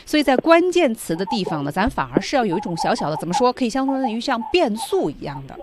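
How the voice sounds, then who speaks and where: A woman's voice: on the high side, big pitch swings, fast talker, background noise. A woman co-hosting a radio English lesson, summing up the teacher's points and agreeing with short replies. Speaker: radio co-host.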